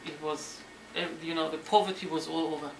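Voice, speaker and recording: A man lecturing on history as a story, animated and sometimes searching for words, acting out the quotes. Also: a little high, a little fast, creaky. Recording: roomy hall, mic at a distance, faint noise.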